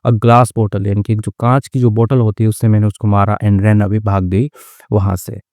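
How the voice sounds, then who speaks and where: A man with a warm, mellow voice teaches English through a story. He reads each line, stops to gloss it phrase by phrase, and keeps the tone patient and chatty. The sound is close and dry, with no room around it. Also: on the low side, flat delivery, no room sound. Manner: reads English lines slowly, then glosses them.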